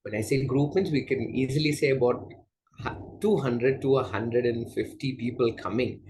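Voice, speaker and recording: A man from Malaysia, a yoga teacher, answering interview questions in a gentle, unhurried way with soft fillers. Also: medium pitch, slight background noise, rough recording. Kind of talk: casual interview conversation.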